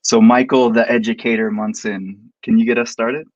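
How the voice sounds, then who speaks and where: A man hosting a book launch, speaking in an earnest, grateful and measured way over a video call. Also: mid-range voice, little pitch movement. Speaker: book author and event host. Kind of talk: formal event speech. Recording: dull lo-fi dry sound.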